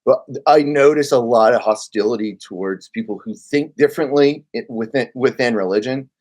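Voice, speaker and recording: A man's voice: medium pitch, moderate pace, darkish tone. A middle-aged man from Oklahoma, a guest writer talking in a casual conversation, rambling and correcting himself as he goes. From Oklahoma, United States. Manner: rambling, self-correcting, heavy on filler "like".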